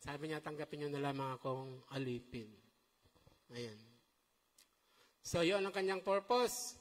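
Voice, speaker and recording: A middle-aged pastor delivers a sermon in a church hall, his high, lifted voice animated and a little slow as he turns to the congregation for responses. A long reverb trails after every phrase.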